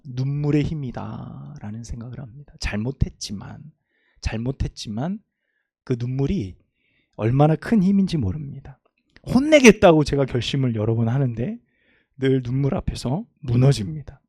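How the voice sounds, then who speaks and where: A middle-aged man preaching a sermon as a pastor, moving from loud, emphatic passages to quiet, homely storytelling. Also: medium pitch, animated, normal speed, gravelly, husky, no echo, clean studio sound. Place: church sanctuary.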